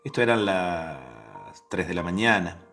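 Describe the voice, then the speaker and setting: A man's voice: low-pitched, measured pace, fairly bright tone, soft background music. An Argentine man giving a novena talk with a personal story, speaking conversationally with restarts and questions to the listeners. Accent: Rioplatense Spanish. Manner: acts out the voices in his story. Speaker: preacher.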